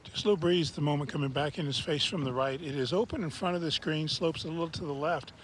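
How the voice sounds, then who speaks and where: A man's voice: a little high, fast, fairly bright tone, a little hiss or hum, rough recording. A man giving live golf commentary in short, descriptive, conversational observations.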